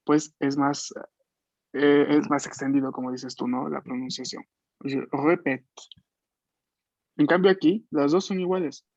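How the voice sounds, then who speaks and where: A man teaching a French class online in Spanish, patiently explaining and slowly modeling words for his students. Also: a little high, fairly even intonation, gravelly, darkish tone, no room sound. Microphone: video call. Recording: dull lo-fi video call audio.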